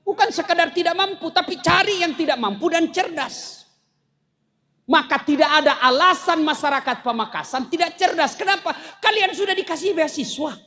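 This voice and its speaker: High-voiced joking preacher man. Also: normal speed, sharp tone. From South Sulawesi, Indonesia. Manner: storytelling with jokes, raises voice for punchlines. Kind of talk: humorous sermon to a crowd.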